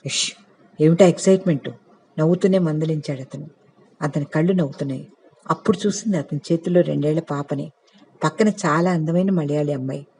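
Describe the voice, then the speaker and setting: A man narrating a literary short story with a measured, reflective reading. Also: fairly high pitch, a little mellow, slight background noise.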